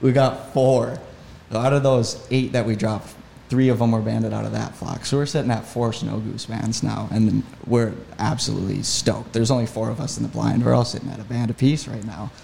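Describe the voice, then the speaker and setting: A man's voice: fairly low pitch, a little fast, vocal fry, few pauses, slight background noise. A man telling a story as a podcast guest, in a casual, enthusiastic way. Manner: enthusiastic, animated retelling. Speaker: podcast guest, hunting guide.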